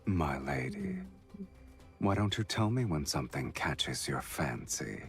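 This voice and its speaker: A teasing fiend nobleman, very deep voice, slow measured delivery, swooping intonation, game music behind. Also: very animated, exaggerated voice. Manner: smooth, mocking, unhurried.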